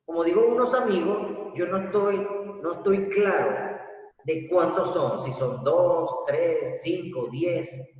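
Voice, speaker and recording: A man teaches grammar slowly and deliberately, putting questions to his listeners and answering them himself. His voice sits a little high. He is recorded from a distance in a room with a long, echoing reverb. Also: a little mellow, a little hiss or hum. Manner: slow, deliberate explaining with rhetorical questions. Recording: echoey room from far off.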